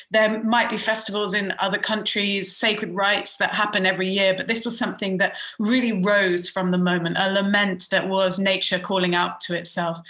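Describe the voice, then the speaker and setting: Woman workshop leader, soft and reverent, meandering, moves into chant; roomy echo. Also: medium pitch. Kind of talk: spoken guidance with wordless chant.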